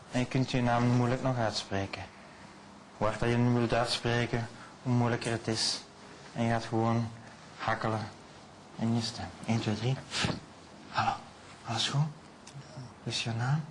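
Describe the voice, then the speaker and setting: A man working as a stage hypnotist, repeating slow, soothing suggestions and often dropping his voice to a hush. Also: mid-range voice, slight background noise. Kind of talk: hypnosis show patter.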